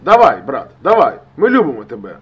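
Audiobook character: male reader doing a loud, pushy buddy shouting over a bad line, high and strained, husky. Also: wildly swooping pitch, a little fast, muffled recording, full character voice. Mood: worried pleading. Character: agitated male friend shouting down a phone line.

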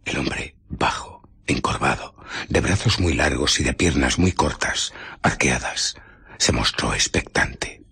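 A male actor with a rumbling low, sharp-toned voice plays an embittered invisible scientist in radio drama narration and dialogue, giving a full character voice. He recounts furtive exploits warily, using deliberate, dramatic pauses, his husky, breathy delivery slipping into whispers.

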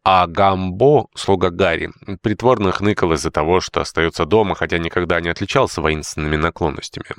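Low-voiced male audiobook narrator. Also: fairly quick, few pauses, smooth, dry recording. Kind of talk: scripted narration.

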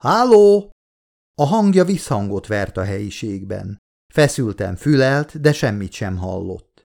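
A man narrating an audiobook in a measured, steady way. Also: lowish voice, creaky. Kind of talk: scripted narration.

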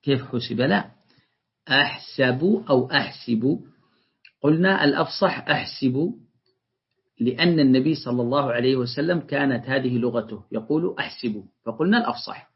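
A man's voice: medium pitch, animated, a little fast, husky. A man teaching a lesson on Quran interpretation, reading classical passages aloud and explaining them step by step while checking that his listeners follow. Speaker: teacher commenting on a tafsir text. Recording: dull lo-fi lecture recording.

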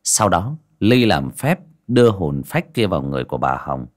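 A man narrating a story audiobook in an expressive storytelling manner. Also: sits low, moderate pace.

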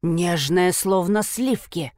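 A woman voicing a greedy, fawning male fur dealer in an audiobook, stretching out his sales patter slowly. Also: on the low side, darkish tone, no room sound, studio quality. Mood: wheedling.

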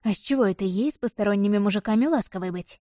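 A woman narrating a fantasy audiobook in a measured, even storytelling manner. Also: medium pitch, no echo, clean studio sound.

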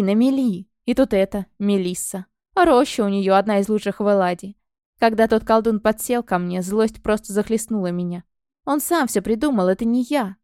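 A woman voicing a desperate, ruined male merchant who pleads in a frantic, rasping way, read for an audiobook. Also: medium pitch, a little mellow, no room sound, clean studio sound, close to an everyday voice.

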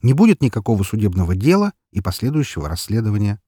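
A man voicing a calm, cunning young man who corners a swindler in a carefree, mocking tone. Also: on the low side, fast talker, breathy edge, dry recording, clean studio sound. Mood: businesslike.

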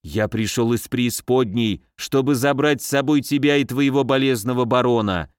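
A man's voice: medium pitch, normal speed, smooth, dry recording, clean studio sound, lightly acted. A man reading an audiobook, playing a sly, mocking male footman who likes to tease and play pranks. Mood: menacing. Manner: sly, teasing.

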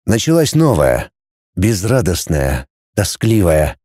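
A man narrating a story with expressive, lively intonation. His voice is dark and mellow, and the recording is dry and close, like a studio audiobook. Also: low voice, slow, dry recording. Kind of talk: scripted narration.

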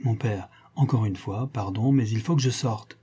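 A man's voice: lowish voice, normal speed, mellow, breathy edge. A man voicing a young nobleman who begs his father urgently. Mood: pressed. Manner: urgent, pleading.

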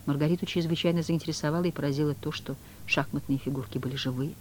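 A woman narrating an audiobook in an expressive, dramatic reading style. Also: sits low, quick pace, a little hiss or hum. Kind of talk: scripted literary narration.

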